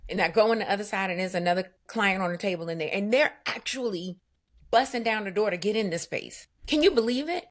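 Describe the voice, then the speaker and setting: Animated, emphatic woman telling a story. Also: mid-range voice, quick pace. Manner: animated and emphatic, with vivid asides. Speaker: guest, spa owner. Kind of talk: conversational storytelling.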